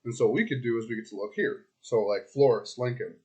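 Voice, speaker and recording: Speaking at a quick pace in a mid-range, mellow but hoarse voice, a web marketing consultant narrates a casual screen-recorded walkthrough straight to his client. He's loose and chatty, thinking out loud with plenty of ums and restarts.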